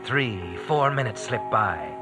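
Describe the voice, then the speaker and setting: An ominous, all-knowing storyteller of crime from a 1940s radio mystery, deliberate and theatrical. His delivery swings widely in pitch, and loud music plays behind him. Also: animated. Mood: grave, suspenseful. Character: the Whistler, sinister all-knowing male narrator of crime tales. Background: loud dramatic music.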